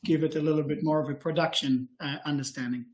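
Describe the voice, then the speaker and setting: A man from Israel, a department head, explaining calmly over a video call with some hesitant pauses. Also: on the high side, poor audio. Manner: measured, explanatory, hesitant fillers.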